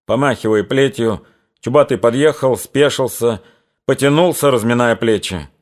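A man narrating a literary novel in a measured, even reading. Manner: measured, even reading that drops lower and quieter in somber passages. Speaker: audiobook narrator.

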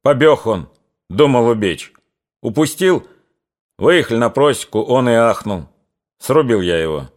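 An icy Cossack trooper talks back in short, sneering jabs, as a man puts him on. His menace comes out slow and deliberate, rough and unbothered. This is a storybook character from an audiobook. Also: medium pitch, expressive, close to an everyday voice. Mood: defiant. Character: cold, mocking Cossack killer, grown man.

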